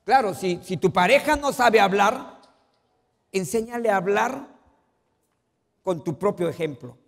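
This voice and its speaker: A pastor preaches a sermon. He keeps asking the congregation questions and swings between loud emphasis and quiet asides. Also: high voice, animated, unhurried, gravelly. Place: church sanctuary. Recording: long church reverb.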